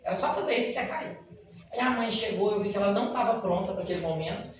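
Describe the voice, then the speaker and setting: A man's voice: high-pitched, fast, slight background noise. A man, a dentist, giving a spoken lecture and telling stories, often addressing the audience directly. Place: lecture hall at a spiritist center. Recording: very echoey hall, mic far off.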